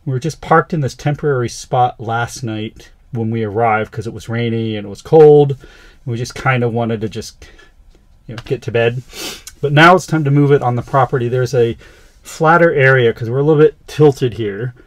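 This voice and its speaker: Guy talking through a van fix, easygoing, thinks out loud, mid-pitched voice. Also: normal speed. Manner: chatty, thinking aloud while doing repairs. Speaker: van life vlogger. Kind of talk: casual vlog narration.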